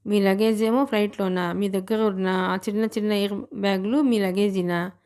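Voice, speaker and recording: A woman's voice: mid-range voice, steady tone, normal speed, a little mellow, smooth, natural voice. A woman voicing a nosy, self-important male bus conductor in an audiobook, with prying questions.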